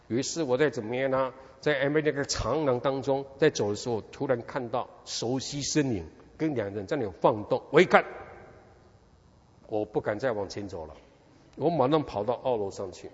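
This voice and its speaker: A middle-aged man from Taiwan, preaching a sermon through a personal story and asking his listeners question after question. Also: fairly high pitch. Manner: animated storytelling, constant rhetorical questions. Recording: dull recording in a reverberant hall.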